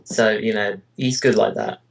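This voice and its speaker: A man with a lowish, creaky voice keeps a steady tone at normal speed against a noisy background. As an amateur voice actor and web parody creator, he fields interview questions in casual conversation, hesitant and rambling, saying "you know" and "kind of" often.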